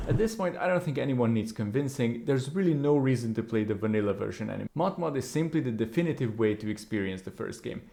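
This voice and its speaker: A man's voice: medium pitch, animated, fast, creaky, hardly any pauses, mellow, a little hiss or hum. A man narrating a scripted video game review, opinionated and with wry asides.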